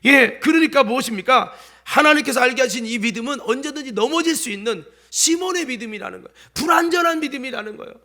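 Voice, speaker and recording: Very high-pitched and expressive, this pastor speaks fast with hardly any pauses, his light Chungcheong Korean accent coloring a church sermon. He shifts from booming exhortation to quiet asides and keeps putting questions to his congregation.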